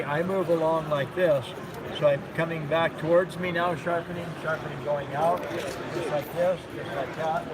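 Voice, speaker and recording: An older man in his sixties with a slightly raised voice gives a folksy, rambling live demonstration outdoors. A loud crowd chatters all around him, filling every gap in his talk. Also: a little high. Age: 60s. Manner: folksy, rambling, with many fillers. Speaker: knife sharpener seller. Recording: loud crowd noise behind.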